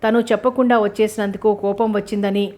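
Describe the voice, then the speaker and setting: A woman narrates a novel chapter, reading both the story and the characters' dialogue. Her voice stays flat and level, with little rise or fall in pitch, and moves along at a steady reading pace. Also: a little fast.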